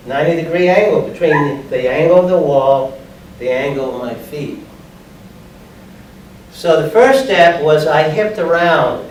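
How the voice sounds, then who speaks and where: An older man, in his sixties or so, giving an instructional martial arts demonstration in short, plain, step-by-step phrases. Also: on the high side. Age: older, about 60s. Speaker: judo instructor. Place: large bare padded indoor training room. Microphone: distant camera microphone. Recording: echoey room, far microphone, background noise.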